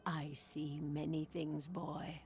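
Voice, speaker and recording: A woman's voice: deep voice, flat delivery, slow, darkish tone, faint music behind. A woman playing a sly, teasing fortune teller in a video game, with a theatrical, mystical delivery. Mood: sly, bargaining. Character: sly, teasing female fortune teller selling cryptic visions. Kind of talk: video game character acting.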